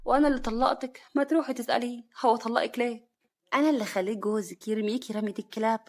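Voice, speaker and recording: A woman doing a wronged young wife, husky. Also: on the high side, flat delivery, fast talker, warm tone. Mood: cold mocking. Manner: choked, then cold and mocking.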